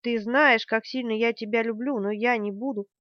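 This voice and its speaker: A woman gives voice to a young man in an audiobook, begging through tears in a fairly high voice. The recording is dry and a little muffled. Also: fairly even intonation, normal speed, no echo, natural voice. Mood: protesting. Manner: pleading, tearful. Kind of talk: audiobook character reading.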